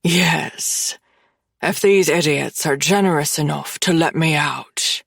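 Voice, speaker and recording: A woman voicing a menacing older male Irish killer with a growling, raspy Irish accent. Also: low voice, takes it slowly, a bit bright, no echo, studio quality, pitched below the performer's own voice, full character voice.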